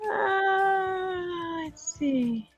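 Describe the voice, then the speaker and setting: A woman's voice: very high voice, very slow, faint music behind. A woman hosting a live online craft supply sale, chatting casually and rambling with fillers as she shows fabric. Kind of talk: casual live-stream selling.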